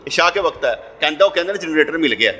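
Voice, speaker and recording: Punjabi-accented preacher with a bright voice. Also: male voice, fairly high pitch, animated, slight background noise. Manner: storytelling, acts out voices, swings between loud and hushed. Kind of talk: Friday sermon.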